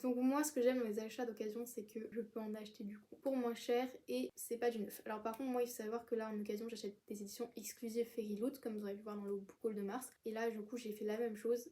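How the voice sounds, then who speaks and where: A woman's voice: on the high side, dark tone. An eighteen-year-old woman from France chatting casually about her book purchases, rambling with fillers and restarts. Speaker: book vlogger. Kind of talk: casual book haul chat.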